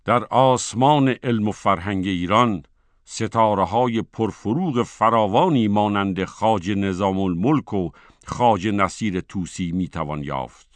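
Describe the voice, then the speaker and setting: A man giving scripted narration, reading in a measured, formal way, letting each phrase fall at its end. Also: lowish voice, no room sound.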